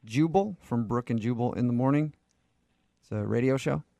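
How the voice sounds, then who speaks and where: A man's voice: medium pitch, gravelly, warm tone, no echo. Teasing male radio morning host. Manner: teasing, joking, quick delivery. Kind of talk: casual radio banter. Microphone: studio microphone.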